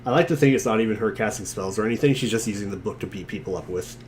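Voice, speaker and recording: With a crowd audible behind him, a man with a fairly low voice races through his part in a group dramatic reading. He handles narration and dialogue in a wry, theatrical way, breaking off now and then for offhand asides.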